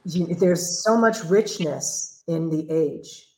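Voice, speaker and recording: A woman's voice: deep voice, takes it slowly, darkish tone, echoey room, rough recording. A woman hosting a livestream conversation, telling stories in an earnest, reflective way. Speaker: livestream host.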